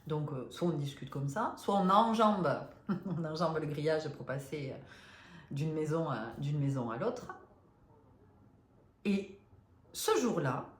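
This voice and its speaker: A woman's voice: deep voice, animated, measured pace, pauses often. A woman in her fifties telling a personal story to her viewers, hesitant and emotional, with many fillers and restarts. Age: 50s. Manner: emotional, confiding. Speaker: spiritual vlogger. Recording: roomy echo.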